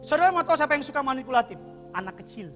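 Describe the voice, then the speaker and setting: A man preaching a lively, comic sermon as pastor, acting out dialogue and sometimes shouting for emphasis. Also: very high voice, racing, big-room sound. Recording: live music behind him.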